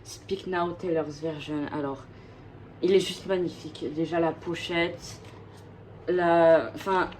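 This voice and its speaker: A woman's voice: lowish voice, fairly even intonation, takes it slowly, a little mellow, a little hiss or hum, rough recording. A woman vlogger chatting casually and gushing about her records, with many hesitations. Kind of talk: casual chat.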